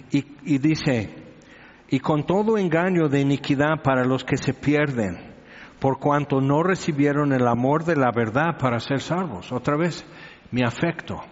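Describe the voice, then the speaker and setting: A man's voice: medium pitch, unhurried. A man preaching a sermon, conversational and teasing, often asking his listeners questions. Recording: reverberant hall, dull lo-fi sound.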